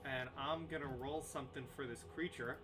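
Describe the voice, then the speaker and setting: A man's voice: medium pitch, steady tone, a little fast, fairly bright tone, slightly rough. A man narrating as game master of a tabletop game, playful and teasing with his players.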